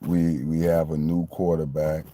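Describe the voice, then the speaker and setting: With a little hiss or hum in the background, a sports fan commentator from Miami in his late forties chats about his football team. His voice is rumbling low and dark-toned, with a level tone and a slightly slow pace. The casual monologue meanders, repeats itself and stays conversational.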